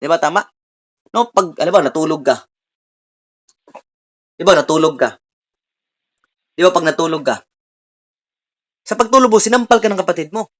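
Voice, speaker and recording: Preacher, sermon, mid-pitched voice, Tagalog-English mix, frequent tag questions, slow scripture reading. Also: fairly bright tone. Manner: reads scripture slowly, then explains.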